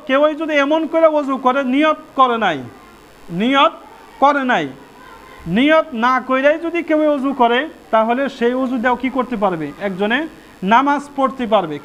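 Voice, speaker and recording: A man's voice: extremely high pitch, a bit bright. A man giving a Friday sermon as a mufti, asking the listeners questions and answering them himself. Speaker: mufti preacher. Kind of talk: Friday sermon on prayer rules.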